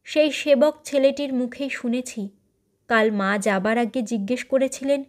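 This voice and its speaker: A woman storyteller reading a short story aloud in a measured, expressive narration. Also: a little high.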